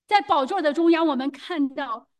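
Interpreting a sermon one phrase at a time, a high-pitched woman talks fast yet hesitantly, with fillers and self-corrections.

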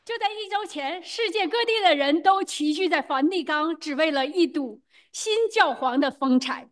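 A woman interpreting a sermon phrase by phrase, quick and hesitant, with fillers and self-corrections. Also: very high voice, expressive.

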